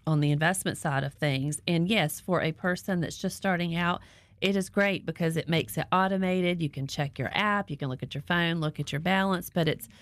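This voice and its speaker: A woman's voice: on the low side, moderate pace, no echo, clean studio sound. A woman speaking as a financial advisor on a radio show, explaining things agreeably. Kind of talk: casual radio talk.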